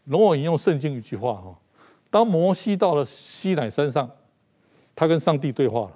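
A man's voice: a little high, very animated, moderate pace, warm tone. A middle-aged man from Taiwan with a Taiwanese Mandarin accent, a talk show guest making emphatic political commentary and repeating phrases for stress. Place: TV studio.

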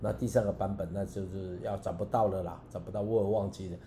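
A man, a preacher and songwriter giving an earnest, halting personal testimony as a radio guest, with many restarts. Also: low-pitched, steady tone, echoey room, background noise.

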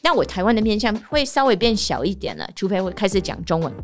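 A woman from the United States, a native English speaker, hosting a casual podcast monologue, telling stories in an animated way and laughing often. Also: medium pitch, quick pace, faint music behind. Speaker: podcast host; teacher and performer.

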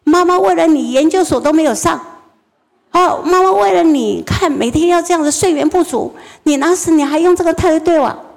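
Older woman playing a shrill furious scolding mother. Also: gravelly, husky, exaggerated voice. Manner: shrill, rapid-fire scolding. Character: furious nagging mother scolding her young son.

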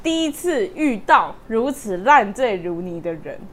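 A young woman co-hosting a podcast, telling a story in casual chat with animated delivery and lots of laughter. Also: medium pitch, measured pace. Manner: animated, laughing, acts out voices in quotes. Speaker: podcast co-host.

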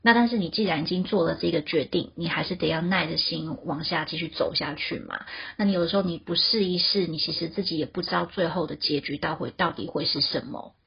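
A woman speaks candidly and reflectively in a very husky, creaky voice. She is measured, as a guest answering personal questions, and the recording is dull and lo-fi. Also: low-pitched. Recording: dull, muffled lo-fi audio.

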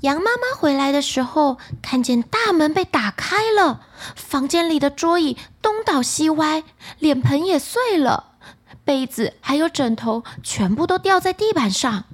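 A woman with a Taiwanese Mandarin accent, narrating a bedtime story for children in a lively, expressive way. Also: high-pitched, unhurried.

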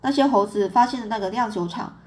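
A woman doing a calm farm father. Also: a little high, quick pace, natural voice. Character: calm, amused farmer father.

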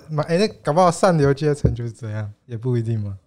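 A man hosting a podcast, reacting to his guest with quick jokes in casual chat. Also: mid-range voice, animated, crowd noise. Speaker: podcast host.

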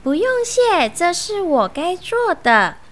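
Eager little fox boy from a storybook, bright lively voice, slow, woman doing it. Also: very high-pitched, voice pushed up, heavily acted. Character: kind young male fox cub.

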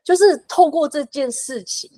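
A woman in her thirties or forties, a podcast guest, telling a personal story in a fast, animated way with many fillers and restarts. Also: high-pitched, rough recording.

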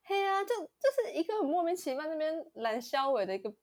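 A young woman telling a story on a casual chat show in a slightly high voice. She is animated, laughs often and acts out the other people's lines as she goes. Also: fast talker. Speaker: podcast co-host.

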